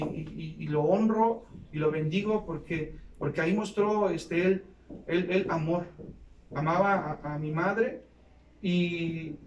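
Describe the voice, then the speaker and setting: Fervent high-voiced preacher in an echoey room. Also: male voice, slight background noise. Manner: fervent preacher, often addressing "hermano". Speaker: pastor. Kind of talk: sermon. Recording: echoey room from a distance, faint ambience.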